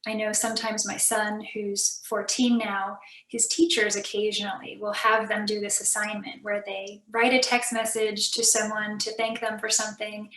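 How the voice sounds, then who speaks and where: Forties woman scientist, casual panel talk, monotone, echo around her. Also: medium pitch, moderate pace, hardly any pauses. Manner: casual, uses "like" and "I mean". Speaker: researcher, panelist. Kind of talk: panel discussion.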